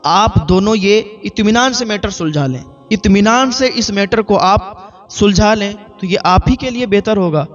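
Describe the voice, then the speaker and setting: A man voicing a gentle, pious young scholar son who calmly counsels his mother. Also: sits high, natural voice. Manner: soft, calm, patient counselling. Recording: dull lo-fi with faint music.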